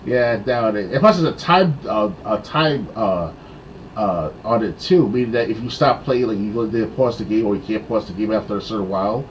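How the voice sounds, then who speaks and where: Low-voiced male co-host on a distant, muffled line. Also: slight background noise. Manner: halting, filler-heavy recollections. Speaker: podcast co-host. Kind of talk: casual gaming chat.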